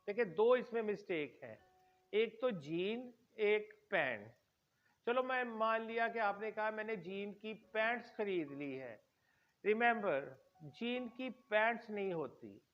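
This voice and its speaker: A man giving a spoken pronunciation lecture, slow and deliberate, repeating each word for emphasis. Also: high-pitched. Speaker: English pronunciation teacher. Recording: dull lo-fi sound with faint music.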